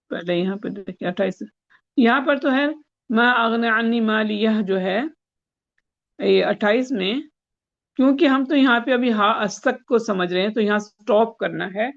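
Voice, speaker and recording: A woman teaching Quran recitation rules in an online lesson, explaining slowly and chanting the Arabic verses. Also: a little high, creaky, lo-fi sound.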